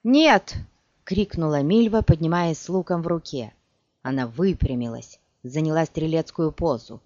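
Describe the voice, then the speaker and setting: A man reading a fantasy audiobook aloud in an animated storytelling manner. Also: fairly high pitch, normal speed, dry recording. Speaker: audiobook narrator. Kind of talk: scripted fantasy narration. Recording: dull dry lo-fi recording.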